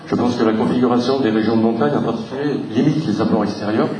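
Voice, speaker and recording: A man gives a public history talk in a hall, taking his time and spelling out letters from his slides. He sounds far from the microphone, and the room echoes around him. His voice sits at an ordinary middle pitch for a man. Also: a crowd in the background. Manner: unhurried, explanatory, spells out letters for the audience. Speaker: local history lecturer. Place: hall with a live audience.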